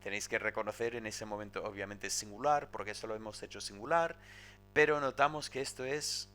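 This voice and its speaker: A man teaching a recorded grammar lesson, explaining step by step and often checking in with "¿vale?". He drills word forms slowly, syllable by syllable, and corrects himself as he goes. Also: fairly low pitch, sharp tone, faint music behind. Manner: self-correcting, with hesitations. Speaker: Greek teacher.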